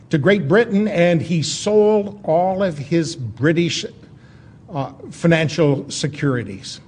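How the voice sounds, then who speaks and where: Higher-voiced man telling history, folksy. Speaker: lecturer. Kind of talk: informal history lecture, storytelling.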